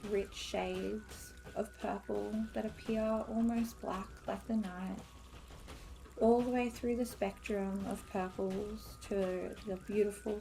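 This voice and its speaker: Slow, soft, creaky-voiced woman meditation guide. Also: medium pitch, rough recording. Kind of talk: guided meditation, spiritual healing narration.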